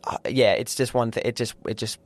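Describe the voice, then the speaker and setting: A man's voice: medium pitch, steady tone, brisk. A man co-hosting a film review podcast, chatting casually with many restarts and playful quoted voices. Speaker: podcast co-host.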